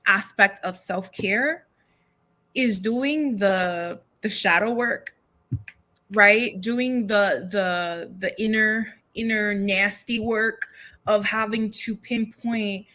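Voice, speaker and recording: A woman's voice: medium pitch, takes it slowly, sharp tone. A woman poet who grew up in New York, talking earnestly as a guest and thinking aloud with restarts and tag questions. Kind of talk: livestream book conversation.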